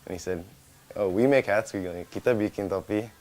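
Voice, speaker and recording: In a fairly low, darkish voice and at a brisk pace, a young American founder of a small company from California talks loosely in an interview. He restarts frequently and mixes in Indonesian words.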